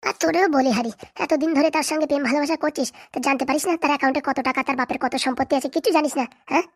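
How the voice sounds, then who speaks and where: A woman voices a scheming, foul-mouthed cartoon mother with a high voice who fires off scolding lines at great speed. She plots greedily and berates everyone around her. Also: steady tone, racing, lightly acted.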